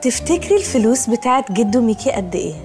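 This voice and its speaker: A woman's voice: fairly high pitch, very animated, fast, over music. Snippy rich girl Nelly. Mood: earnest. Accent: Egyptian Arabic. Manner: snippy and prim. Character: spoiled rich young woman who mixes in English. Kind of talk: TV comedy series acting.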